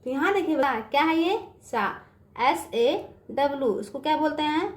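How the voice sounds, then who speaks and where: In an echoey room, a woman with a high, expressive voice teaches English words to children at a normal speed during an online lesson. She is patient and repetitive, often asking "समझ में आ गया बच्चों?" to check that they understand.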